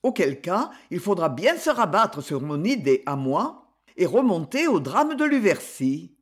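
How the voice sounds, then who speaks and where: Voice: big pitch swings, unhurried, slightly rough. A reader voicing a cunning, self-satisfied young man plotting a ruse, in an audiobook. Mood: smug. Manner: low, sly, self-satisfied. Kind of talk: audiobook character voice.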